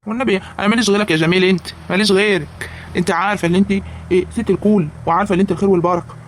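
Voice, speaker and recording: A performer voicing an old village patriarch in an animated comedy, coaxing and flustered between two wives, in an Egyptian rural accent. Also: medium pitch, racing, a little hiss or hum, natural voice.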